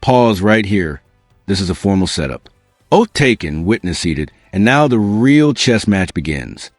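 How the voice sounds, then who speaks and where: A dry, close recording over faint music carries a man's legal commentary. His delivery is scripted, punchy and dramatic, with lively swings in a lowish voice. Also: a little slow, dry recording. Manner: dramatic, punchy, addresses viewers directly.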